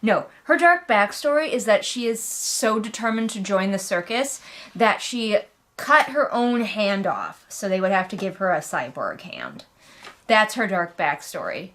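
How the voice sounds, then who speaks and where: Speaking at an unhurried pace, this woman has a medium-pitched, very animated and slightly bright voice. As host of a book readalong vlog, she gives comedic, casual commentary in an exasperated, sarcastic, emphatic manner, slipping into mocking impressions of the characters.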